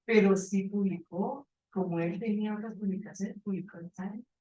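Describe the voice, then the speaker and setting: A woman's voice: medium pitch, moderate pace, dark tone, echoey room, dull audio. A woman, a researcher, telling a chatty anecdote during a class with asides. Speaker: researcher and faculty member.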